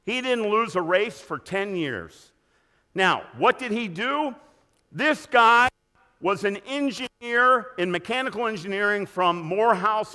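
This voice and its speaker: Man, 60s, motivational keynote speaker, forceful bright tone, raised voice. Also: high-pitched. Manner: energetic, emphatic, asks the audience questions. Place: large conference hall, indoors.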